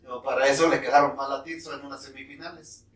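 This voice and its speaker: A man in his fifties from Mexico, a guest telling in a relaxed way, with many fillers, how he became a referee. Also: mid-range voice, quick pace, echoey room, far from the mic, rough recording. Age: 50s. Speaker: guest, former futsal referee. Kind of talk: casual interview storytelling.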